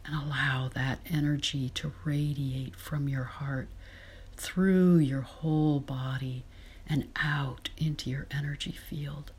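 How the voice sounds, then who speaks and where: A woman leading a guided meditation in a soft, breathy whisper, slow and soothing. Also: deep voice, level tone.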